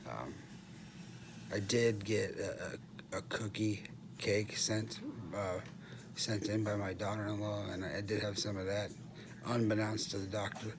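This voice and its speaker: A middle-aged man with a fairly low voice speaks over clear background noise in a room. His delivery is casual, subdued and halting, like a patient recording an informal update, with frequent throat clearing. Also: little pitch movement. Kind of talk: casual vlog monologue. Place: hospital room. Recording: clearly noisy room ambience.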